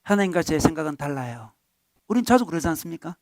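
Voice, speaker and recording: High-voiced male pastor preaching. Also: sing-song, quick pace, dry recording, clean studio sound. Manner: conversational preaching, rhetorical questions to the congregation. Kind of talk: sermon.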